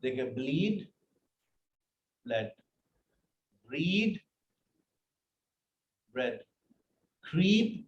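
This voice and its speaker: A man's voice: a little high, big pitch swings, extremely slow, long pauses, slight background noise. A man teaching an online English class, patiently reading out word lists and calling his students "beta". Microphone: computer mic in a live video class. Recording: roomy, dull online class audio.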